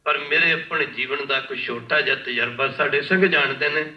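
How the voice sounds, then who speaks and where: A man's voice: medium pitch, normal speed. Impassioned male preacher in an echoey hall. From India. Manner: impassioned, repeats phrases, often says pardon me to the congregation. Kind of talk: sermon with storytelling. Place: large worship hall. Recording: echoey hall, distant mic, dull lo-fi.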